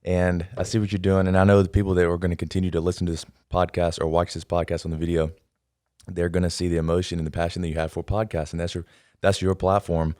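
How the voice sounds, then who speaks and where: A man hosting a casual podcast interview in a studio, energetic and encouraging, talking in quick bursts. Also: low voice, no echo. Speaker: podcast host. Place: podcast studio, in person with guest. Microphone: studio microphone.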